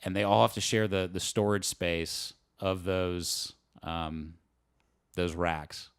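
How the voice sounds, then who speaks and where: A man in his twenties, a navy submarine officer, telling stories in a relaxed and chatty way with light laughs and fillers during a casual podcast interview. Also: sits low, slow, clean tone, dry recording, clean studio sound.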